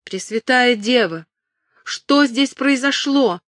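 A woman's voice: a little high, a little slow, dry recording, studio quality, pitched above the performer's own voice. A woman voicing a frightened but determined young noblewoman crying out urgently. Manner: urgent cries, one hushed prayer.

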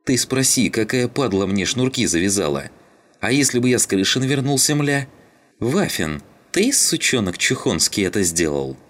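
A man doing a loud, snarling young skinhead. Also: low-pitched, animated, moderate pace, few pauses, voice pushed up. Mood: angry. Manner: yelling, threatening, crude.

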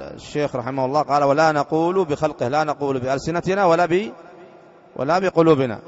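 Man from yemen, religious lecture, rhetorical questions, fairly high voice, muffled lo-fi sound. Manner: poses rhetorical questions to listeners then answers them. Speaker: religious teacher. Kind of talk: explaining a creed text in a lecture. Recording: dull lo-fi lecture recording.

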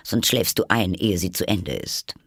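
A man's voice: low-pitched, measured pace, vocal fry, a bit bright, breathy edge, dry recording, studio quality, heavily acted. A man reading a storybook aloud, voicing the rude, contrary Hatter who teases in a smug tone. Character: rude, triumphant mad Hatter.

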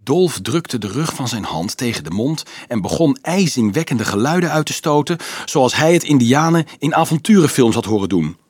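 A man narrating an audiobook in an expressive, dramatic storytelling manner. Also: medium pitch, normal speed, breathy edge, no room sound, clean studio sound.

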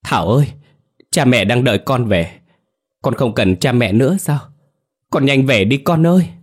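A man's voice: mid-range voice, animated, moderate pace, husky, pitched above the performer's own voice. A man voicing an anxious father who calls for his lost daughter in pleading, raised calls.

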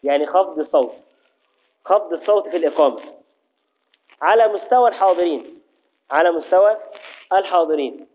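A man teaching a classroom lesson on Islamic law, repeating key phrases slowly and asking and answering his own questions. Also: fairly high pitch, expressive. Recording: tinny phone-like audio.

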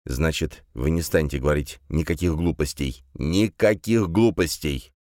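A man's voice: very deep voice, moderate pace, darkish tone, no room sound, clean studio sound. A man reading aloud, voicing a tired middle-aged gendarme who repeats himself mechanically and lectures. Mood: admonishing. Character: weary middle-aged male gendarme, repetitive and fussy.

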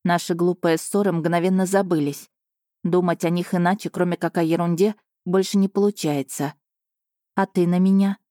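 A woman narrating a first-person romance fantasy audiobook in an even, measured way. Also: on the low side, dry recording, clean studio sound.

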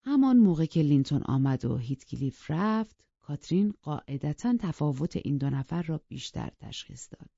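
A woman narrating a classic novel as an audiobook, measured and even, in a dull lo-fi recording. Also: low-pitched, creaky, dry recording.

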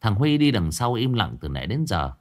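A male storyteller narrating a ghost story with dramatic expression. His voice sits on the low side and rises and falls in a lively way. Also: moderate pace.

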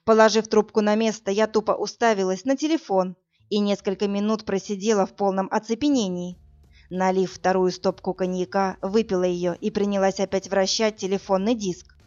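A woman narrating a first-person audiobook in a steady, plain storytelling manner, in a slightly muffled recording. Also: mid-range voice, normal speed, faint music behind.

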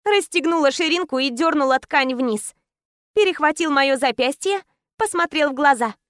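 A woman's voice: high voice, moderate pace, fairly bright tone, dry recording, clean studio sound. A woman narrating a first-person romance audiobook in intense, clipped short phrases.

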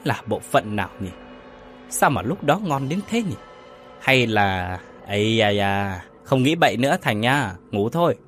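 A man's voice: lowish voice, very animated, measured pace, fairly bright tone, soft background music. A man voicing a curious, easily startled young man in a ghost story, asking nervous questions. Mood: musing.

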